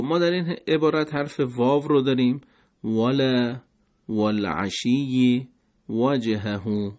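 A man with a Persian accent teaching Quranic pronunciation, patiently explaining each letter and slowly modeling the Arabic words. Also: mid-range voice, darkish tone. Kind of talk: tajwid lesson explaining letter articulation.

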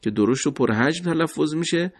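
A man giving a pronunciation lesson, speaking deliberately and repeating words slowly to demonstrate each sound. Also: a little high, expressive, breathy edge. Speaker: recitation teacher.

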